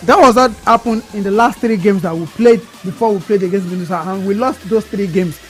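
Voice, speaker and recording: A man's voice: high-pitched, a little fast, soft background music. A Nigerian man giving blunt, critical opinions in a sports radio studio debate, often repeating himself. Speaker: studio pundit.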